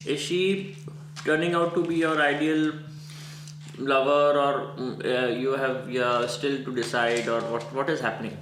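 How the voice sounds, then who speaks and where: A man's voice: mid-range voice, fairly even intonation, a little slow, a bit bright, echoey room, poor audio. A man asking off-camera interview questions hesitantly.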